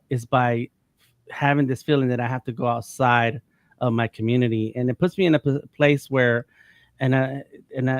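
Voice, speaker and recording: A man's voice: mid-range voice, no room sound. A man in his fifties from the United States, talking casually on a panel, rambling with many restarts. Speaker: panel guest.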